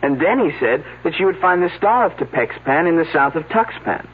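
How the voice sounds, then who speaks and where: A brisk, expressive, husky male voice on the high side belongs to an actor in a 1970s radio drama. He plays an earnest, eager young man at a dig who gets a bit flustered and stammers, all heard through a tinny old broadcast.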